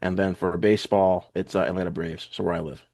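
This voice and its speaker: A man's voice: low voice, fairly even intonation, fast talker, gravelly, a little mellow. A young American man guesting on a podcast, talking in a laid-back, hesitant way with many fillers. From United States. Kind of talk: casual podcast chat.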